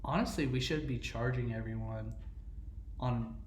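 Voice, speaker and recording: A man's voice: medium pitch, normal speed, a little hiss or hum. A man co-hosting a podcast, defensive and exasperated, swearing often as he argues back. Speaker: podcast co-host. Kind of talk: casual podcast banter. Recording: roomy echo.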